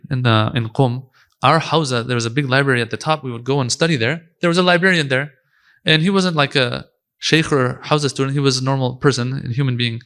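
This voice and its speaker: A man's voice: medium pitch, fairly bright tone. A middle-aged man giving a religious talk at a conference, in an informal, joking manner with slangy asides. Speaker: religious lecturer. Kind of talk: casual conference lecture. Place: lecture hall.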